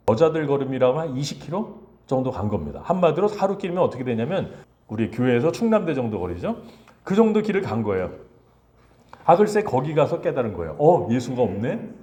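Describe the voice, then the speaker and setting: A middle-aged man preaching a conversational Sunday sermon as pastor, lively and full of rhetorical questions to the congregation. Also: mid-range voice. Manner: acts out quoted lines in changing voices.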